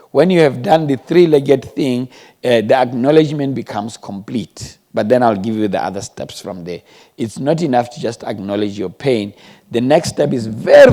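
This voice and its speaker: A male pastor delivers a sermon, his voice carrying a gravelly edge. He pushes key words loudly, then drops to hushed, almost whispered asides. His pitch sits in an ordinary middle range for a man. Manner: emphatic, swings between loud stresses and hushed asides.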